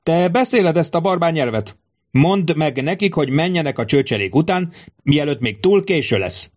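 A man voicing an arrogant Roman tribune who barks orders in a raised, shouting voice. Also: a little high, animated, voice pushed up. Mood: enraged commanding. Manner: shouting, commanding. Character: furious arrogant male Roman tribune officer.

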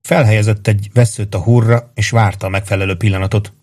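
A man reading a fantasy novel aloud in a measured, even storytelling manner. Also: on the low side. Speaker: audiobook narrator. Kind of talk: scripted narration.

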